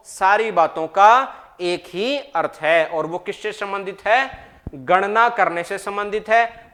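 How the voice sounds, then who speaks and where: Slow, high-voiced male maths teacher. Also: fairly bright tone. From Rajasthan, India. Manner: asks the class questions and answers them himself, repeating key points; calls listeners "bhai". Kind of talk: exam-prep lecture.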